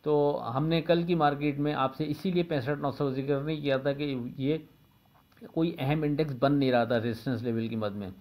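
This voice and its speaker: A man from Pakistan with a Pakistani Urdu accent giving a daily stock market forecast, steady and methodical, often pausing with fillers. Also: mid-range voice, dull audio. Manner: steady, methodical, repeats figures and levels, frequent "uh" fillers.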